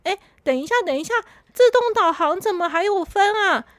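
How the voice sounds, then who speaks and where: A woman's voice: extremely high pitch, animated, brisk, dry recording, voice pushed up. Woman voicing a teary, stammering young girl. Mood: flustered. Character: anxious young girl, whiny and nervous.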